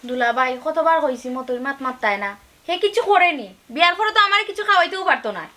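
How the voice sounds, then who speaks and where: A woman's voice: high-pitched, expressive, a little fast, sharp tone. An actress with a Sylheti accent playing a defiant young woman who snaps back at her brother-in-law. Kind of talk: comedy drama acting.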